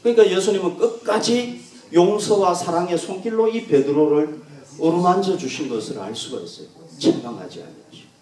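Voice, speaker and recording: Male pastor, fairly high voice, lively delivery, earnest sermon, recorded from a distance in a church. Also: normal speed. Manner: earnest, emphatic, swings from loud to soft. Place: church sanctuary. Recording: echoey church room from a distance.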